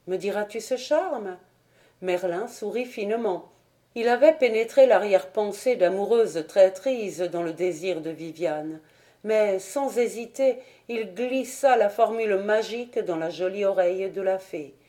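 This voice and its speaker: A woman with a mid-range voice narrates a legend for an audiobook, reading in a measured yet expressive way.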